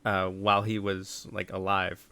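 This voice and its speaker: A man in his thirties chatting on a podcast, animated and storytelling with frequent restarts. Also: deep voice, a little slow, a crowd in the background. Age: 30s. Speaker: podcast panelist. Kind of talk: casual chat.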